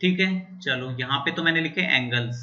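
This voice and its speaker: Male maths teacher, high and very bright tone, lo-fi recording. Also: normal speed. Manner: repeats steps and checks in with students. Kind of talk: whiteboard maths lesson.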